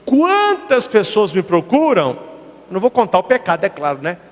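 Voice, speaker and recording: A priest giving a lively sermon to a congregation, telling stories and acting out the people in them. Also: male voice, high voice, moderate pace. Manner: lively, plays characters in his stories. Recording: long reverb of a large hall.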